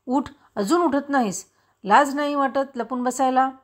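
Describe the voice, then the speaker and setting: A woman reading aloud gives voice to a strict village mother, sharp-tongued and forceful with her son. Her voice sits at a middling pitch and carries the firm tone of a storybook parent. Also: normal speed, close to an everyday voice. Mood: angry scolding. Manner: scolding, forceful.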